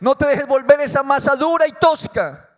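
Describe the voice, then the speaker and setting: A man preaching a sermon as pastor, moving between soft, intimate passages and loud, fervent calls, acting out quiet prayers and quoted words. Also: very high-pitched, expressive, normal speed. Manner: acts out prayers and quoted dialogue in quiet tones. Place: church.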